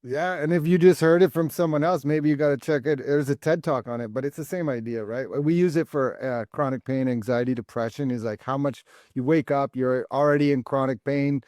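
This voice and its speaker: A man's voice: mid-range voice, a little fast, hardly any pauses, a little mellow, no room sound, clean studio sound. A man hosting a podcast, chatty and affirming, with a few digressions. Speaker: podcast host. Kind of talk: casual podcast conversation.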